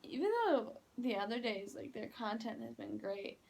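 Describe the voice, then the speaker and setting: A tired young woman talks through her day in a relaxed travel vlog, her voice sitting a little high. She rambles with frequent "like" fillers and playful asides, recorded at night in a hotel room. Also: normal speed, creaky, a little hiss or hum. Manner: chatty, fillers like "like", playful mimicking. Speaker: vlogger. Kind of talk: casual late-night travel vlog chat.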